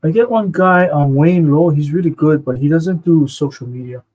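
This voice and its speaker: A man's voice: fairly high pitch, moderate pace, a little mellow, low-quality recording. A man co-hosting a casual art stream, rambling with lots of fillers and "you know what I mean". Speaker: co-host and illustrator.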